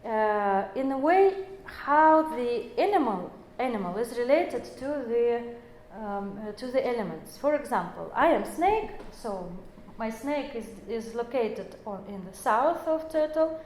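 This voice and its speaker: A woman's voice: fairly high pitch, expressive, measured pace, hardly any pauses, darkish tone, a little hiss or hum. A woman in her forties giving an explanatory lecture, speaking English as a with many fillers and self-corrections. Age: 40s. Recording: echoey room.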